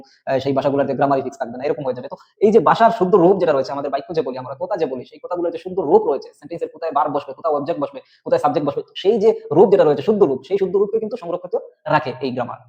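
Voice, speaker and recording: A man's voice: a little high, darkish tone. A male teacher giving an exam-prep lecture, explaining step by step and often checking in with the listener. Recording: dull lo-fi audio.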